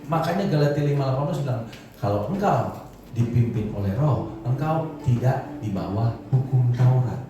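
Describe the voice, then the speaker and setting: A man's voice: medium pitch, animated, moderate pace, music in the background. A middle-aged man preaching a sermon as pastor, telling stories casually and acting out quoted voices. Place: church hall. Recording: echoey hall, voice from far off.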